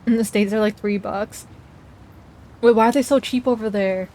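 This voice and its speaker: A woman's voice: medium pitch, steady tone, moderate pace, warm tone. A woman livestreamer chatting casually, reacting to chat messages and talking while she eats.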